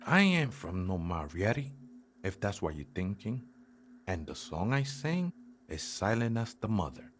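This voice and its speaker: A man's voice: on the low side, very animated, measured pace, a little hiss or hum, voice pushed down. A streamer voicing a spaced-out man who squats in a church and calls himself a seraph, drawling in slang. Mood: dreamy. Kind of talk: reading game dialogue aloud.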